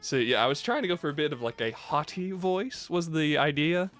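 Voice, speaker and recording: A man's voice: a little high, lively intonation, brisk, fairly bright tone, soft background music. A man in casual gaming chat, laughing often and guiding the others' choices. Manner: laughing, chatty, hesitant fillers.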